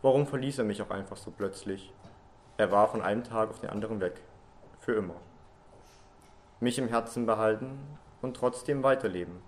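A man reading a first-person story aloud in a quiet, slow, melancholy way. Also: fairly low pitch. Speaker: story reader.

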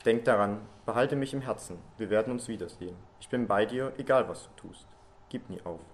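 A man reading a story aloud, voicing the comforting ghost of a lost loved one who softly urges the listener not to give up. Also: lowish voice, a little fast, lightly acted.

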